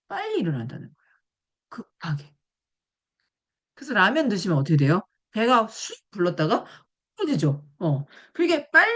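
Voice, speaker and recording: A woman giving a classroom nutrition lecture, explaining with examples and asking the audience questions. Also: mid-range voice. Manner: animated, asks the class questions.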